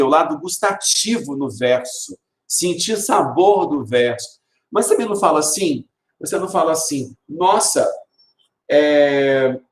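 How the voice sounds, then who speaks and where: Brazilian man teaching in an echoey room. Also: fairly high pitch. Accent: Brazilian Portuguese. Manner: explanatory, asks rhetorical questions and answers them; reads verse slowly and stresses sounds. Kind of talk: recorded literature video lesson.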